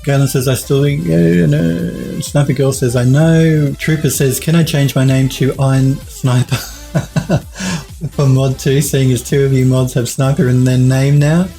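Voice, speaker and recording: A man's voice: mid-range voice, fairly even intonation, measured pace, vocal fry, mellow, soft background music. A man in his forties with an Australian accent, chatting casually on a live stream while reading out viewer comments, rambling with restarts and little chuckles. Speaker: 3D modelling streamer. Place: home studio at a desk.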